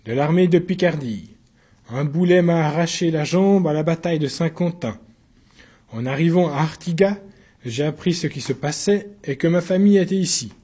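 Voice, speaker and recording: A man voicing a weary former soldier with a wooden leg who answers the court quietly. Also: slightly rough. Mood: calm. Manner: low, quiet, measured. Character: weary one-legged former soldier, calm.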